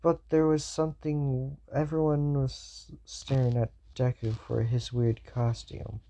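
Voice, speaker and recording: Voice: mid-range voice, flat delivery, unhurried, dark tone. A fan storyteller improvising a what-if story, rambling with many fillers and self-corrections.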